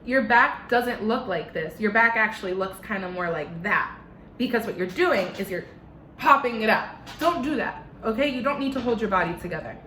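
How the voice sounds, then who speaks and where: A woman's voice: medium pitch, lively intonation, moderate pace, sharp tone, echoey room, slight background noise. A young woman with a slight lisp teaching an online singing lesson from her living room, giving step-by-step instructions.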